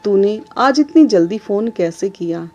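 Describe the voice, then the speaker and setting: A woman's voice: medium pitch, lively intonation, a little slow, darkish tone, dull audio. Older mother, read by a woman, irritated, complaining, storybook. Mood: fretful.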